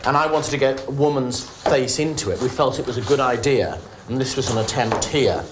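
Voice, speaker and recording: A man's voice: medium pitch, a little fast, noisy background. Enthusiastic man in a documentary interview.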